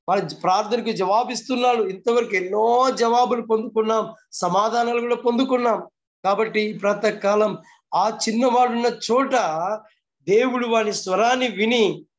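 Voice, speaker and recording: A pastor with a high-pitched voice preaches a fervent morning devotional, driving his points home with repeated phrases and rhetorical questions. The sound is muffled and lo-fi, as if coming over a video call.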